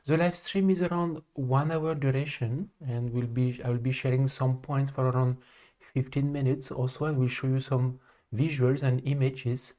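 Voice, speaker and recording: A man from France, hosting a live spiritual talk in a calm, halting way with frequent pauses. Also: mid-range voice. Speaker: live stream host and spiritual speaker. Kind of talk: live stream talk to viewers.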